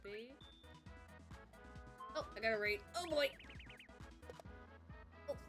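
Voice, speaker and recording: A woman's voice: on the high side, takes it slowly, over music. A woman game streamer greeting her live audience in a cute, bubbly anime-streamer manner.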